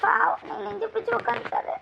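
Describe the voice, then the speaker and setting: A woman's voice: very high-pitched, level tone, quick pace, vocal fry, background noise, voice pushed up, exaggerated voice. A woman voicing a tearful young daughter who pleads anxiously for her sick father. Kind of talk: amateur family skit. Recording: dull lo-fi recording.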